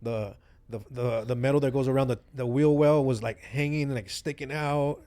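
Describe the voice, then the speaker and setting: Casting: man of middle pitch, relaxed street-slang storyteller, chuckles often. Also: moderate pace. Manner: laid-back, slang-heavy, laughs through his stories. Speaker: guest rapper. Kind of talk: casual storytelling chat.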